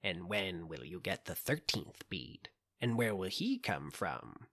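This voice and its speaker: A croaking old witch hisses sly warnings in a read-aloud fairy tale, her pitch leaping about on a low voice. She is cunning and bossy, a man reading her part. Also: big pitch swings, a little slow, fairly bright tone, exaggerated voice. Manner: warning, coaxing.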